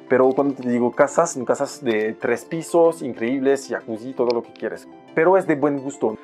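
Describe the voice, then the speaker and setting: Young French man speaking accented Spanish-style storytelling, mid-range voice, lively and slangy, faint music under him. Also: mid-range voice. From France. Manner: animated, playfully acts out other people's lines in raised voices, uses Mexican slang. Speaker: photographer guest. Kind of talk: storytelling in a podcast conversation.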